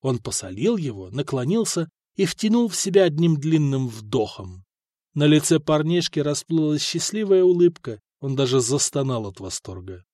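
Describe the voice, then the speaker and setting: A man narrating an audiobook in an expressive storytelling manner. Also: fairly high pitch, normal speed, no room sound, clean studio sound. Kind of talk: scripted narration.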